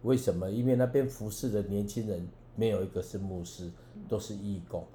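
A man tells his story as a preaching guest on a radio show. His voice is low and very dark and mellow, carried by a roomy echo. He talks in an earnest, halting way, often restarting his phrases. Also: steady tone, slight background noise. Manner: halting and earnest, many restarts, emphatic rises. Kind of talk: personal testimony in a radio interview.

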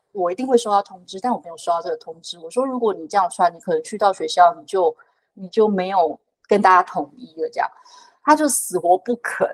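Woman in her 30s or 40s chatting fast on a podcast, animated story, lots of fillers and restarts. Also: medium pitch, poor audio. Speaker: podcast guest. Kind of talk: casual personal storytelling.

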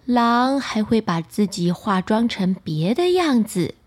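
Woman doing a gentle warning mother goat. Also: mid-range voice, big pitch swings, slow pace, voice pushed down. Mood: cautioning. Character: loving, anxious mother goat.

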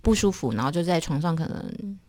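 A young woman with a Taiwanese accent chatting casually as a podcast co-host, telling stories in an animated way and acting out what people said. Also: deep voice, a little fast. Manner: animated storyteller with sound effects and acted-out quotes. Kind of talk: casual chat, telling ghost stories and anecdotes.

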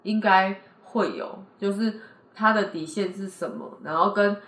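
A woman's voice: mid-range voice, measured pace, a bit bright. A woman, co-hosting a casual chat and pressing her partner with direct, impatient questions. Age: 40s. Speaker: podcast co-host. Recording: roomy echo.

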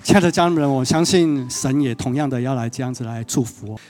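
A man's voice: medium pitch, quick pace, a little mellow, faint music behind, some chatter behind. A male pastor giving a sermon, telling a personal story and often asking the congregation questions.

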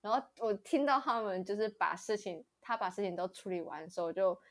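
A woman's voice: mid-range voice, lively intonation, fast. A young woman co-hosting a casual chat, telling a story animatedly, often laughing and acting out the voices of people in it. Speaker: podcast co-host.

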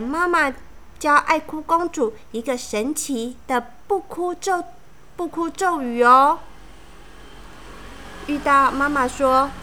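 High bright woman reading a storybook. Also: a little hiss or hum. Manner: slow, clear, animated storytelling. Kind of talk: reading a children's picture book aloud.

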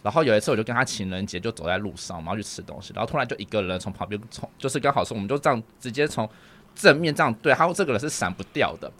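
A man's voice: fairly low pitch, animated, racing, fairly bright tone. A man, telling a story in casual group chat on a podcast, with hesitant fillers.

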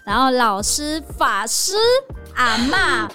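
A woman with a fairly high voice hosts a casual chat show. She speaks fluent, chatty Mandarin in an informal interviewing style, with faint music behind her. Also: animated, takes it slowly, sharp tone. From Vietnam. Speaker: podcast host.

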